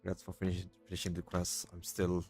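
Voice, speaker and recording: A man casually chatting while gaming, speaking softly and haltingly into a home mic. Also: low-pitched, monotone. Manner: soft-spoken, halting, hushed. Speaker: game streamer. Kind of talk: casual gameplay commentary. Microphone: newly set up home mic. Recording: home mic with game music behind.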